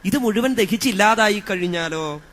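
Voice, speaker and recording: A man with a Malayalam accent giving a religious discourse on scripture, chanting verses slowly and asking his listeners rhetorical questions. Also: sits high, expressive, fairly bright tone. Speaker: scripture teacher.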